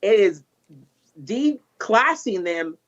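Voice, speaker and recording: A man's voice: high-pitched, lively intonation, extremely slow, fairly bright tone. A man co-hosting a casual livestream, blunt and ranting, swearing freely. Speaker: co-host. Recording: dull lo-fi audio.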